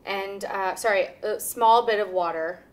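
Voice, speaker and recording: In a medium-pitched, measured voice, this thirtysomething cooking show host and teacher talks through a casual demonstration in a home kitchen. Her instructions are upbeat and chatty, with frequent laughter.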